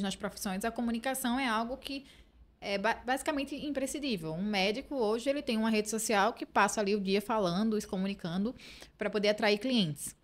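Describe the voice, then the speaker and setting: A Brazilian woman hosts a casual interview, her voice sitting a little high. She talks her way conversationally into each question for the guest. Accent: Brazilian Portuguese. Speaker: interview host.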